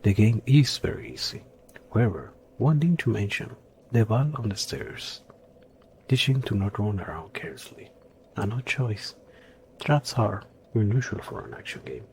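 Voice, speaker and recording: A low-voiced man with a gravelly, fry-laden tone reads a scripted game review. His delivery is dry and sarcastic. A faint hiss of noise sits under the voice. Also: expressive, moderate pace, a little mellow.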